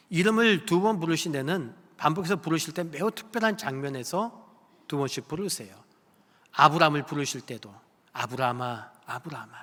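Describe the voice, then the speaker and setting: Man giving a sermon, kinda high and forceful, big echoey church hall. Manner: emphatic, asks the congregation questions. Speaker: pastor. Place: church sanctuary. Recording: long church hall reverb.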